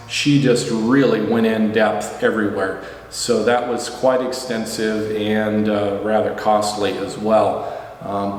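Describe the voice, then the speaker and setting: A man narrates a casual property tour in a matter-of-fact, itemizing way, with a mid-pitched voice. The sound is strongly reverberant, like bare rooms in an empty house, with a faint layer of noise. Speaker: property owner and video host.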